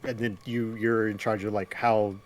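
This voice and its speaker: Hesitant low-voiced man player. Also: level tone, moderate pace, a little hiss or hum. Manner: hesitant, trails off and restarts. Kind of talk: casual tabletop play.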